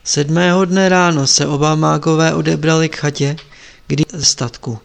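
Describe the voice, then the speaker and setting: A man narrating a story in a calm, measured way. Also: a little high, creaky. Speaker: audiobook narrator. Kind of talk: scripted narration.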